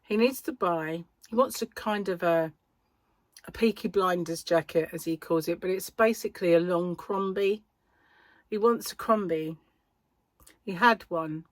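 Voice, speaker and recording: A British woman with a slightly low voice talks in a casual, meandering vlog style. She has a slight speech impediment, so the odd word does not form cleanly. The sound is close and dry, and her manner is chatty and self-deprecating. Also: measured pace, no room sound. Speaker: crochet vlogger and yarn shop owner. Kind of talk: casual rambling vlog chat.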